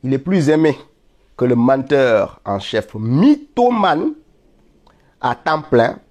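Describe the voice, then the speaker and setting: At a slow pace, his medium-pitched, slightly mellow voice takes on a sing-song quality. He's a man from Senegal with a stuffy cold, streaming live political commentary in an insistent monologue that builds to indignant peaks.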